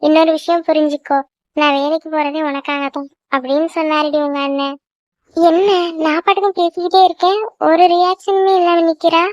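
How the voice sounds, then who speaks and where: A woman voicing a young woman in a Tamil-language cartoon, chatting in a brisk, reassuring way. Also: very high-pitched, fairly even intonation, dry recording, highs cut off.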